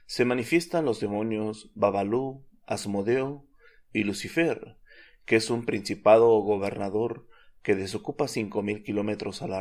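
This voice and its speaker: Low-voiced man narrating solemnly. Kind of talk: scripted narration.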